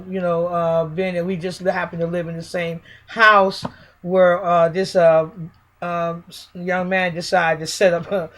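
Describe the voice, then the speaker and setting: A woman's voice: on the low side, fairly bright tone. A middle-aged woman, a mother, recounting a police raid in an emphatic, rambling, colloquial way. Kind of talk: personal spoken account.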